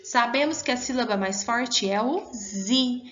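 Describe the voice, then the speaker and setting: A woman's voice: a little high, a little slow, fairly bright tone, lo-fi sound. Encouraging Brazilian woman teaching young pupils. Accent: Brazilian Portuguese. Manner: patient, encouraging, asks pupils questions. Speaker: primary school teacher. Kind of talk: recorded online class.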